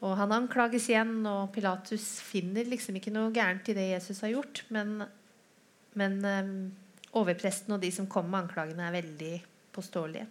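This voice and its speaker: A woman's voice: mid-range voice, steady tone. A woman preacher retelling a scripture story in a sermon, with asides to the listeners and quoted lines acted out in a raised voice.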